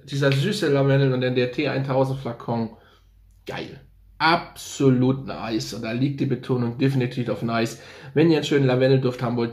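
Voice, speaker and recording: A man's voice: mid-range voice, a little mellow. Enthusiastic man reviewing perfumes, echoey room. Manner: enthusiastic, thinks aloud, repeats slang praise. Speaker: fragrance reviewer. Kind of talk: casual unscripted product review.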